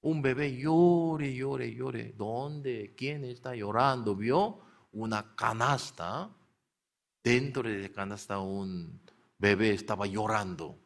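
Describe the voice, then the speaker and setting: Slow-paced male preacher telling a story. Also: mid-range voice, creaky. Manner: asks the listeners rhetorical questions and answers them; animated retelling, slips into character voices. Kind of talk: storytelling sermon.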